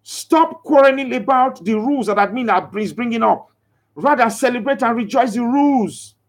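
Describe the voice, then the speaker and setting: Extremely high-pitched and expressive, at a normal speed, a man runs a motivational live broadcast for a crypto scheme. He repeats phrases emphatically like a preacher and reads out viewers' comments to answer them.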